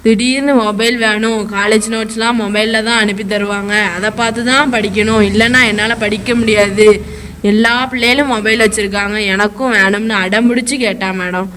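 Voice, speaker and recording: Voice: mid-range voice, fairly even intonation, brisk, sharp tone, slight background noise, close to an everyday voice. A student actor playing a worried father who earnestly explains his daughter's problems. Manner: earnest, pleading account to the counselor. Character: worried father of a teen girl. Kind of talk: college stage skit.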